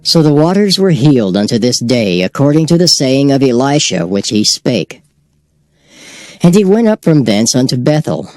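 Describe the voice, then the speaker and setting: A man narrating a dramatized scripture reading in a measured, solemn storytelling manner. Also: medium pitch, big pitch swings, a little mellow, dry recording. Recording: narration over background music.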